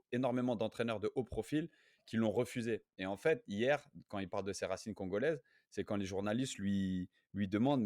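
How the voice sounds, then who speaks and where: A man's voice: on the low side, no room sound, studio quality. A man co-hosting a casual podcast discussion, thinking aloud with restarts and often checking in with "you see". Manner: animated, thinks aloud with restarts and frequent "tu vois". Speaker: podcast co-host.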